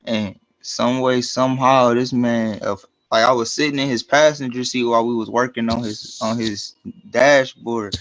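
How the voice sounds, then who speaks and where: A man speaking as a defendant, soft-spoken and hesitant, heard on a courtroom recording. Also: medium pitch, steady tone, normal speed, dry recording, highs cut off.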